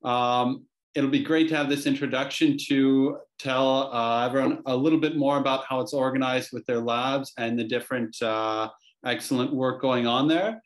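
A man opens an online science session and introduces the guest speaker. His voice sits at an ordinary pitch, and his delivery is friendly and full of small fillers. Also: steady tone, moderate pace. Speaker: host.

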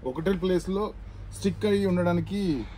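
Young man, Telugu accent, slightly high voice, casual shop-tour guide, faint hum behind. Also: normal speed, warm tone. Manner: chatty, explanatory, mixes English words into Telugu. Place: pet shop. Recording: faint background noise.

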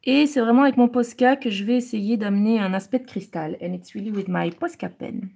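A woman with a husky, medium-pitched voice runs a live coloring tutorial, speaking a little fast. She switches between French and English, restates every step, answers chat, and turns quiet and murmuring while she concentrates.

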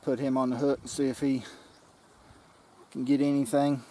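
A man in his forties relaxes as he fishes a creek, explaining what he's doing straight to a nearby camera for his outdoor vlog. His medium-pitched voice moves at a normal speed, picked up closely by a camera-mounted mic with faint nature ambience around him.

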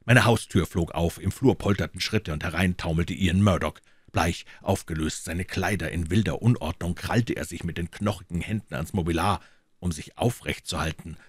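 A man reading a detective story aloud in a measured storytelling manner. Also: deep voice, husky, no room sound, studio quality. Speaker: audiobook narrator. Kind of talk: dramatic audiobook reading.

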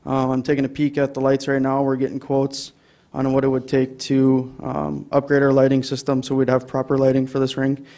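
A man's voice: medium pitch, completely flat delivery, fairly quick, gravelly, hardly any pauses, warm tone. A man with an Upper Midwest American accent presenting an item to a city council, with many ums and restarts. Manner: hesitant, many fillers. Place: council chamber.

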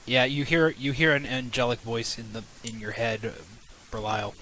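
A man narrating as game master in a casual, halting, playful way. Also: mid-range voice, pushed and bright, a little hiss or hum, poor audio.

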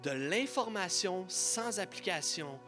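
Quebec French male pastor, high voice, lively pulpit delivery, soft music behind. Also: takes it slowly. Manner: animated preaching, urges congregation to repeat lines. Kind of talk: sermon. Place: church sanctuary.

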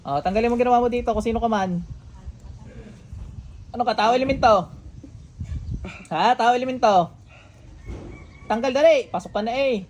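A faith healer, sternly questioning a patient and murmuring ritual chants during a healing session at home. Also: male voice, extremely high pitch, moderate pace, pauses often, a little mellow, slight background noise.

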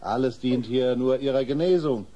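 Man acting smug male doctor, medium pitch, mellow, patronising, repetitive, German horror radio drama. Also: normal speed, lo-fi sound, slight background noise, natural voice. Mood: jovial, patronising. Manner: patronising, repeats himself.

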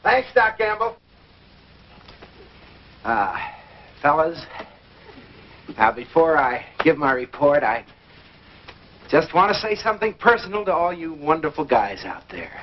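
Pompous American committee chairman, high lively voice, earnest, old radio comedy, dull recording. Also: a little slow, pauses often. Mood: gushing. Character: self-important, glad-handing lodge committee chairman. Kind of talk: mid-century American radio comedy acting. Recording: dull, faintly noisy vintage radio recording.

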